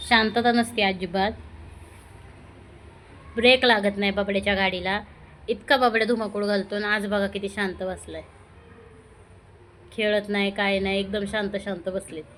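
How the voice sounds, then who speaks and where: A woman at home filming her cats, calling to them in high baby talk and then quietly telling the viewer about them. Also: fairly even intonation, moderate pace, long pauses, a little hiss or hum. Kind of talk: casual home pet vlog.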